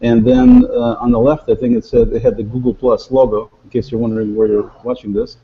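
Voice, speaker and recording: Man, joking, teasing, gravelly voice, muffled call audio. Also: mid-range voice, lively intonation, brisk. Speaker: panel host. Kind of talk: casual video call chat. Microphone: video call. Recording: dull lo-fi video call audio.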